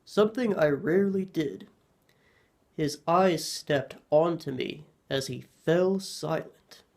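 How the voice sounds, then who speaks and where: A man narrating a horror story in a measured storytelling manner. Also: on the high side, vocal fry, a little mellow.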